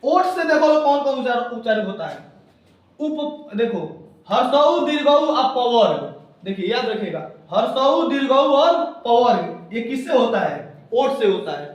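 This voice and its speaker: Male teacher, very high voice, repeats and drills each point, heard from a distance. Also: very animated, unhurried, dull audio. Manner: repetitive drilling with call-and-response questions. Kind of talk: classroom grammar lesson. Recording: very echoey room, distant mic.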